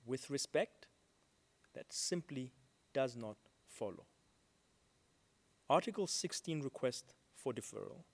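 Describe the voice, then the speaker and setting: Measured man arguing formally in court. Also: medium pitch. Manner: measured, with frequent ums and stresses on key words. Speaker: counsel for a state at a court hearing. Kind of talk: formal legal argument.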